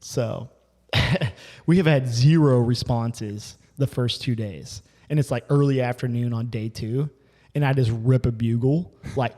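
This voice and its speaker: Casual male co-host, excitable storyteller, average pitch, reverberant room. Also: a little slow. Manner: excited, rambling storytelling with many fillers. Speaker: podcast co-host telling a hunting story. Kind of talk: casual chat.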